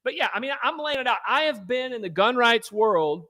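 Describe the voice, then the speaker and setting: A man's voice: extremely high pitch, expressive, brisk, pushed and bright. A man hosting a fiery advocacy livestream, combative and rallying. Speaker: gun rights advocacy host.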